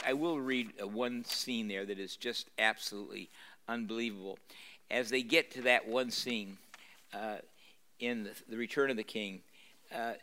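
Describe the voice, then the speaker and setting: A man speaking live in a university lecture room with a bright, forward tone. He retells a story in a halting way, stumbling over fillers and restarting sentences, then reads passages aloud. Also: mid-range voice. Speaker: speaker at a church-hosted book talk. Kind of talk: informal talk retelling and reading from a novel.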